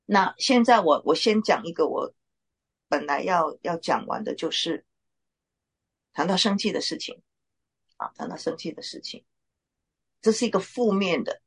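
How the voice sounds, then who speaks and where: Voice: mid-range voice, vocal fry, breathy edge. A Bible study leader giving an informal sermon, talking conversationally with frequent filler particles.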